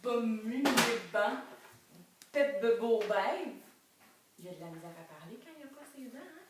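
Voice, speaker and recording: A young woman with a Québécois French accent reads a picture book aloud to a group of preschoolers. Her voice sits a little high, and she keeps pausing to ask the children questions. The sound is captured from across an echoing room, with steady background noise. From Quebec. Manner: animated, coaxing, asks children questions. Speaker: educator reading to preschoolers. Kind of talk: interactive storybook reading to small children. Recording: echoey room from far off, noisy.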